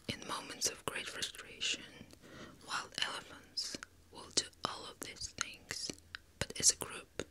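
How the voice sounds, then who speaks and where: Binaural whispering young woman, ASMR reading. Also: poor audio. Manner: soft, unhurried, fully whispered. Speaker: ASMR host. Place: small indoor room. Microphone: close binaural microphone in a plush cover.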